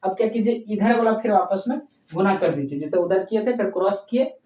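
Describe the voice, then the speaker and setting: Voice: mid-range voice, expressive, warm tone, muffled recording. A math teacher working through a problem step by step, checking in with the class after every point. The voice sits in a roomy, echoing space and is heard from some distance from the mic. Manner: explains slowly, often checks in with "okay?"; addresses students fondly as "child". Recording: echoey room, voice far from mic.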